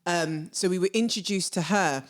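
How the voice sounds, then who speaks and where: A woman co-hosting a film review podcast, chatting casually, animated and often laughing. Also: lowish voice, normal speed. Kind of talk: casual chat.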